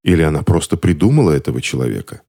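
A man reads a story aloud in a very deep voice. His delivery is expressive, with a lively, wide-ranging pitch that rises and falls with the action. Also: very fast, creaky. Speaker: narrator. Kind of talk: scripted story narration.

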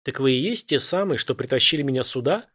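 A man voicing a quick-witted young working man who hides his fear behind wry replies. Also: mid-range voice, expressive, sharp tone, breathy edge. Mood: wary.

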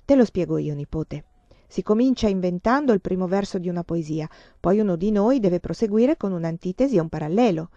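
Woman plays a calm uncle, measured and even, warm low voice, dull recording. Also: dry recording.

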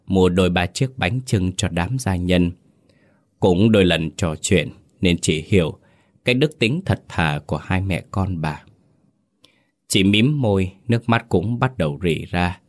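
A man narrating a ghost story in a steady, dramatic way. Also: low-pitched, measured pace.

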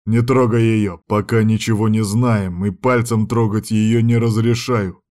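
A man's voice: fairly low pitch, steady tone, unhurried, darkish tone, close to an everyday voice. A man voicing a harsh, powerful nobleman in an audiobook, clipped and commanding. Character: stern powerful man, harsh but tender to a child. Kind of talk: audiobook reading.

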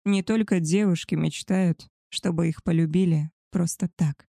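A woman voicing a male werewolf alpha, a tender and possessive lover, in a soft, husky murmur for an audiobook. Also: fairly low pitch, fairly even intonation, measured pace, no room sound, clean studio sound. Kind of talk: audiobook character voice.

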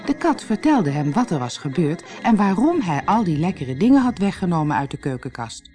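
Woman storyteller reading a fairy tale, low voice that swoops widely, faint music behind. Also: a little fast. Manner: lively, expressive. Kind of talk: audiobook fairy tale narration.

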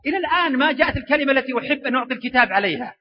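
A man giving a lively, joking religious lecture and drawing in a hall audience. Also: extremely high pitch, rapid-fire. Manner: animated, joking, coaxing the audience. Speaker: preacher giving a public lecture. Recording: dull, echoey lecture hall recording.

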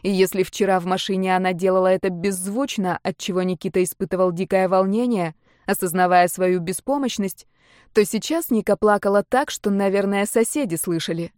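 A woman narrating a romance novel as an audiobook in an even, measured voice. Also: medium pitch, no room sound, studio quality. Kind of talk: scripted narration.

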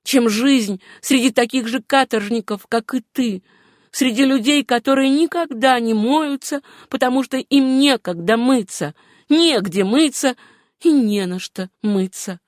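A woman reading an audiobook voices a gentle, wistful young woman with a hard past, speaking softly. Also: a little high, measured pace, no echo, studio quality, pitched above the performer's own voice, natural voice. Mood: bitter.

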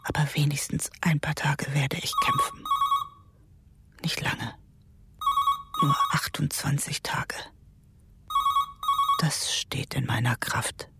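An anxious, low-voiced mother. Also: huge pitch swings, slow pace, gravelly, pauses often, slight background noise, heavily acted. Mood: brooding. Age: middle-aged. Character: anxious middle-aged mother dreading bad news. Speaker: lead character and inner narrator. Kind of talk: German radio drama acting. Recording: loud music bed under studio voice.

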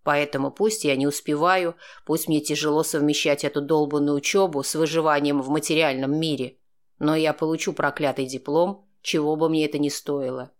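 A man's voice: a little high, fairly even intonation, a little fast. Man reading a first-person audiobook. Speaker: audiobook narrator.

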